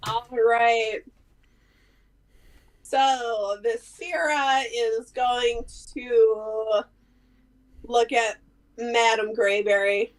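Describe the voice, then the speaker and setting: A woman plays a tabletop game, talking casually. Her voice is fairly high and her pace is slow. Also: fairly even intonation, low-quality recording. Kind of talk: casual chat.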